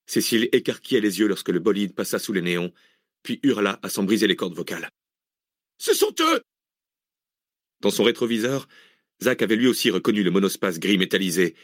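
A man with a fairly low voice narrates a thriller audiobook in a steady, measured reading. The recording is close and dry, with no room sound. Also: no room sound.

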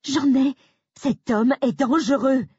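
A woman voicing a frightened young wife who pleads and accuses in a shrill, near-hysterical voice, from an audiobook. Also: slow pace, darkish tone, breathy edge, no echo, muffled recording, heavily acted. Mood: panicked. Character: frightened young woman insisting on her story.

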